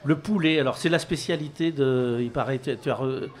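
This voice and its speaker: A man's voice: mid-range voice, a little fast, a little hiss or hum. A man co-hosting a talk show, chatting loosely with many restarts. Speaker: show panelist, co-host. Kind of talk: casual on-air chat.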